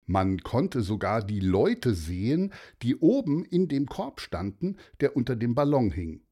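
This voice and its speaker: A man reads a children's story aloud at a slow, unhurried pace. His voice is slightly husky, and its pitch moves a lot. He explains things gently and sometimes repeats small words. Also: very animated.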